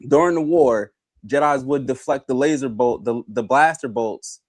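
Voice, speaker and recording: A man's voice: medium pitch, moderate pace, no echo. Man, podcast co-host, laid-back, laughing, dry close sound. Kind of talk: casual anime chat.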